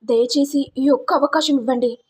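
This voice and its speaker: A stern mother-in-law who scolds her grown son with raised questions, read by a woman with a high voice. The tone is sharp and reproachful. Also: steady tone, normal speed, breathy edge. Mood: pleading. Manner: scolding, then pleading.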